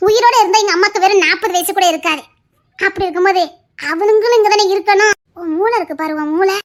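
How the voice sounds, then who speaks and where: An actress playing a childlike, scheming young woman in a TV serial, with a very high, girlish voice that swings between sly plotting and tearful pleading. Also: fairly bright tone. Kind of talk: TV serial acting.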